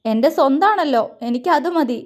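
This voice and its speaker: A woman voicing a grieving young wife who speaks softly and emotionally in an audio drama. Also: sits high, expressive, normal speed. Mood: tender, tearful. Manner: soft, emotional, pleading.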